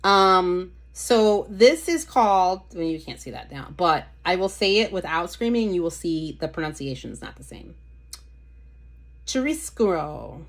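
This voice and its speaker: A woman with a somewhat low voice hosts a relaxed live stream, chatting freely with the people watching. She reads their comments aloud and keeps breaking off mid-thought to fetch things or answer someone. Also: normal speed, few pauses. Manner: chatty, easily distracted, talks to viewers and reads comments aloud. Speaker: livestream host showing nail polish. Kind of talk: casual live-stream chat.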